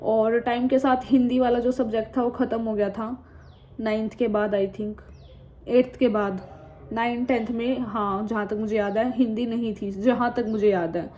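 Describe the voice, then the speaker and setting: Frank young woman, mellow muffled voice. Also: fairly high pitch, fairly even intonation, normal speed. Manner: frank, reads comments aloud and argues back; mixes Hindi with English words and phrases. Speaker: vlogger reading out and answering viewer comments. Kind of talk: casual chat. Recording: dull, slightly muffled sound with faint background noise.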